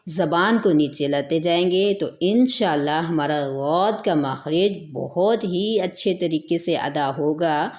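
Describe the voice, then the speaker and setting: A woman teaching recitation in a patient, explanatory way, going back over each point. Her voice sits a little low for a woman. She stretches the letter sounds out long to show how they should be said. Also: few pauses, darkish tone. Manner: repeats points, draws out letter sounds as models.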